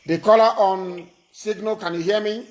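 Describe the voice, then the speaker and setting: A man's voice: sits high, fairly even intonation, normal speed. A man hosting a live call-in talk show who talks in a commanding way, repeats his points and scolds his callers. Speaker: live stream host taking calls.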